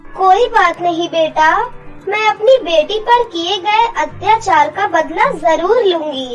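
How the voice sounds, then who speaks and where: A woman's voice: very high-pitched, slow pace, dull audio, soft background music. A woman voicing the protective magical spirit of a girl's dead mother in a cartoon story. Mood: tender. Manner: tender to daughter, stern to the wicked.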